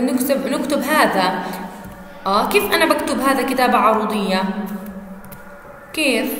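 A woman teacher with a Jordanian Arabic accent giving a lesson, spelling out words slowly and asking and answering her own questions. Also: high voice, fairly bright tone. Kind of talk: classroom lesson on Arabic prosody. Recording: echoey room with faint background noise.

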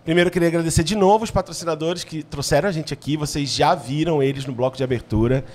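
A man's voice: on the high side, fast talker, a little hiss or hum. A man in his thirties from Rio de Janeiro with a Carioca accent, hosting a podcast in an upbeat, enthusiastic way. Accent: Carioca Portuguese. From Rio de Janeiro, Brazil. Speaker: podcast host. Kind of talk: hosting a podcast, reading sponsor ads. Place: indoor podcast studio. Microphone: studio mic on a boom arm.

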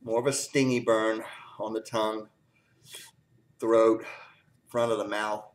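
A man doing a casual hot-pepper tasting review, teary from the heat. He talks haltingly, with lots of fillers, and keeps clearing his throat. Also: fairly low pitch, little pitch movement.

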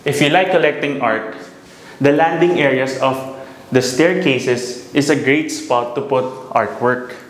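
Walking through bright, empty townhouse rooms, a Filipino real estate broker in his thirties gives a polished tour, noting features in each room. He talks a little slowly at medium pitch.

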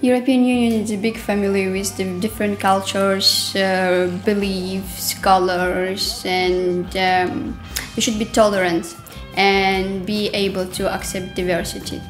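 A woman in her forties from Ukraine with a Ukrainian accent, speaking calmly about migration work in an interview. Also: medium pitch, a little slow, soft background music. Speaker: migration worker. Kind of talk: documentary interview. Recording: roomy echo.

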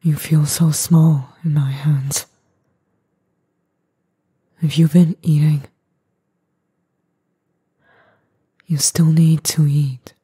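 A woman voicing an edgy young boyfriend, gruff but tender and worried, in a breathy, husky, halting ASMR role-play. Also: deep voice, flat delivery, warm tone, no room sound, studio quality, full character voice. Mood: apologetic, tender.

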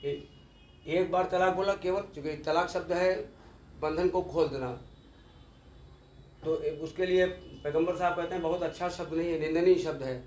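A man's voice: fairly high pitch, steady tone, moderate pace, pauses often, darkish tone, reverberant, slight background noise. A man giving an exam-focused law lecture, explaining step by step and repeating key terms, with English legal words mixed in.

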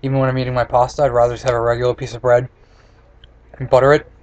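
A man's voice: medium pitch, monotone, rapid-fire, dull audio. A man in his twenties talking casually and bluntly, with sarcasm, as he reviews and rants into a webcam. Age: 20s. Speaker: snack reviewer. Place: small room indoors. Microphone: computer webcam at close desk distance. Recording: noisy webcam microphone with room noise.

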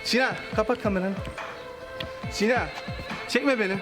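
A man's voice: high voice, normal speed. Agitated man arguing over music. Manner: agitated, repeating himself angrily. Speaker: prank video participant. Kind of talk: heated argument in a video. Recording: video clip with background music.

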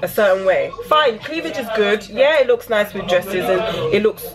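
A woman's voice: mid-range voice, expressive, moderate pace, a crowd in the background. A woman, talking casually to a handheld camera for a vlog. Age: 20s. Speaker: vlogger. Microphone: camera held at arm's length.

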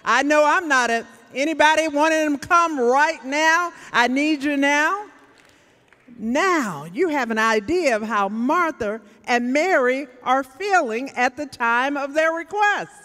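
A woman's voice: sits high, lively intonation, unhurried, fairly bright tone. An older woman, an associate minister, preaching a sermon from a church pulpit into a handheld microphone, speaking to the congregation. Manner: preaching with call-and-response asides to the congregation. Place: large church sanctuary, standing at the pulpit. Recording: church sanctuary reverb with faint music.

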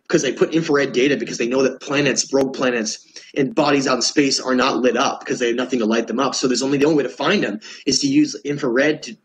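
A man's voice: mid-range voice, rough recording. A man presenting in a casual lecture, earnest and emphatic, often restarting words.

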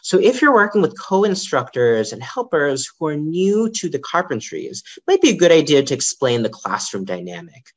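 A man's voice: a little high, normal speed, few pauses, muffled recording. A young man, a librarian, giving a prepared lightning talk over a video call, with the occasional um. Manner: lively, varied intonation, occasional ums.

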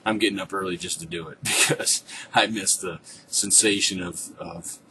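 Low-voiced man on a noisy webcam. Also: steady tone, normal speed, pushed and bright. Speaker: fitness coach vlogger. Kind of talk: casual vlog check-in to online followers. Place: small room at home, indoors. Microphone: webcam at desk distance. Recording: noisy, distant webcam microphone.

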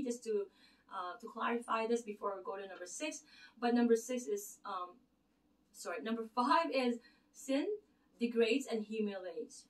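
On the higher side in pitch, this Filipino-accented channel host, a middle-aged native Tagalog speaker from the Philippines, rambles earnestly about faith to the camera with plenty of fillers and restarts. She's in her living room beside a lit Christmas tree, and the camera sits across the room, giving a distant, roomy sound.

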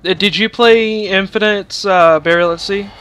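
A man's voice: high-pitched, fairly even intonation, moderate pace, fairly bright tone. A man co-hosting a horror game let's-play, joking around and fretting about getting scared. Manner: jokey, nervous about scares. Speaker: co-host. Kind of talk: casual let's-play chat. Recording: faint background noise.

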